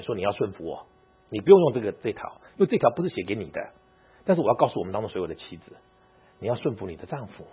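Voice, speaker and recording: Man, middle-aged, church elder; animated storytelling sermon; dull lo-fi sound. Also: medium pitch, breathy edge. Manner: animated storytelling, mixing in English words. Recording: muffled lo-fi recording with mains hum.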